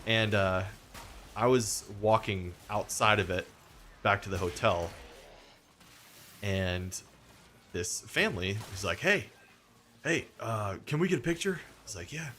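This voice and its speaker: A man's voice: fairly low pitch, slow pace, pauses often, sharp tone, a little hiss or hum. A young man hosting a gaming stream, telling rambling stories in casual chat and acting out the voices of the people he quotes. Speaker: streamer host.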